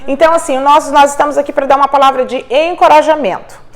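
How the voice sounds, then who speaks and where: A middle-aged immigrant mother and host speaks fast in a high voice with fairly even intonation. Warm and encouraging, she talks to parents about homeschooling, mixing English words into her Portuguese.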